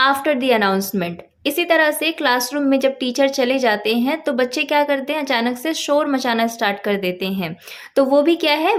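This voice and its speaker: High-voiced Indian woman teaching English. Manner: explains patiently, spells words out slowly. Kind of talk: explaining lesson to viewers.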